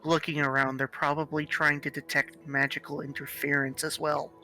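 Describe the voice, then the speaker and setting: A man talks casually as a tabletop game player. His voice is a little high and brightly edged, with faint music in the background. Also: flat delivery, moderate pace.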